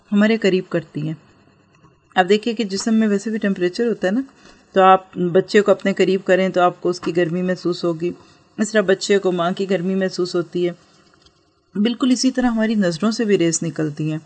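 A female teacher with a medium-pitched voice gives an instructional talk on parenting and religious outreach, explaining things gently and posing rhetorical questions to her audience.

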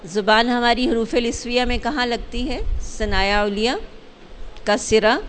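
A woman teaching recitation in an online lesson. She drills the letter sounds slowly and checks her students' understanding with quick explanations. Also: a little high, steady tone, slight background noise.

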